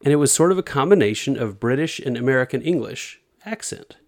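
A man with a mid-range voice presents a bit of research to friends in a casual group chat. He sounds relaxed and halting, with many fillers and restarts.

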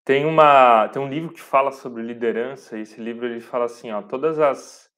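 A man's voice: mid-range voice, fairly bright tone. Earnest Brazilian man hosting a devotional live. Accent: Brazilian Portuguese. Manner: earnest, speaks straight to viewers with slow emphatic phrasing. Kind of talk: live-streamed devotional talk.

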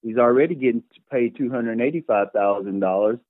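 A man, a city council candidate answering interview questions in a halting, plainspoken way with repeated words. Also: medium pitch, no room sound. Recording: tinny phone line.

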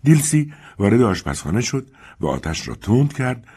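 A man narrating a literary novel as an audiobook, measured and expressive. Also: mid-range voice, slightly rough.

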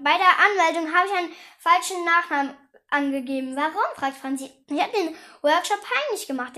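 A woman's voice: extremely high pitch, fairly bright tone. A young woman reading a children's detective story aloud, with frequent slips and restarts, giving the characters light voices. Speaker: reader.

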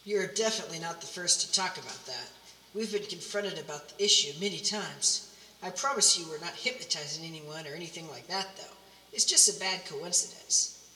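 A woman's voice: lowish voice, animated, brisk, pushed and bright. A woman playing a polite, reassuring circus representative in an audio drama. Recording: echoey hall.

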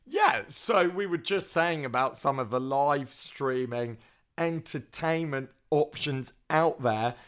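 Man, podcast host, casual chat, brisk upbeat delivery, slightly higher voice. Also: animated, a bit bright, clean tone.

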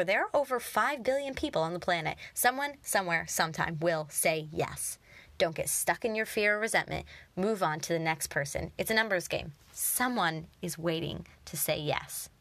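A young woman giving an earnest, animated motivational talk, sometimes dropping to a whisper for emphasis. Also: medium pitch, fairly quick, no echo. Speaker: motivational speaker.

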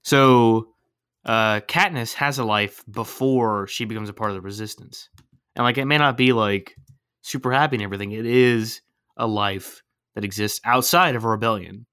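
A man's voice: fairly low pitch, moderate pace, fairly bright tone, clear, resonant tone, dry recording. Playful argumentative man, dry sound. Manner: playful, argumentative, jumps in with theories. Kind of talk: casual chat about a movie.

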